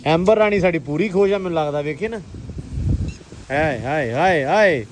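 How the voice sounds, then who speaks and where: A man with a high-pitched voice and a Pakistani Punjabi accent vlogs casually outdoors on a village farm. He is exclamatory and often repeats his phrases. There is faint weather and vehicle noise around him. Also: animated, moderate pace. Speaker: vlogger.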